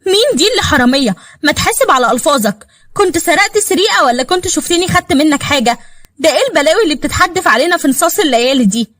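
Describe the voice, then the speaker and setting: A woman with an Egyptian accent voicing a fiery, sharp-tongued seventeen-year-old girl in an audio story, scolding and hurling insults. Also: high voice, animated, voice pushed up. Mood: angry. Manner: scolding, insulting, quick comebacks.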